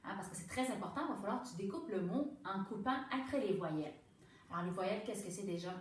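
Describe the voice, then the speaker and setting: Quebec French woman teacher, patient and slow with syllables, echoey room, mic set back. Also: medium pitch, animated, distant mic, slight background noise. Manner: patient, sounding words out slowly. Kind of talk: reading lesson for young children.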